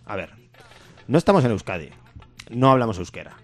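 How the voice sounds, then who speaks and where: A man's voice: medium pitch, big pitch swings, fairly quick, soft background music. A man chatting casually and jokingly on a podcast, rambling through a comic argument. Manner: rambling, jokey, breaks into laughter. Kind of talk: casual comedic chat.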